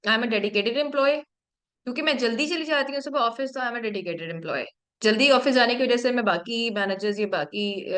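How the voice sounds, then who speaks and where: Woman with a Pakistani accent, grammar lecturer, bright voice pitched a little high, explains step by step. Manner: explains step by step, mixing English terms, often asks "ठीक है?". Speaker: teacher.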